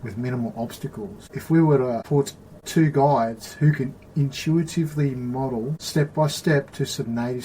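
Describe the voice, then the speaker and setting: Man, mellow dark tone, earnest explainer, faint hiss behind. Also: mid-range voice, rough recording. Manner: earnest, explaining, checks in with the listener. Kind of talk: casual conversation.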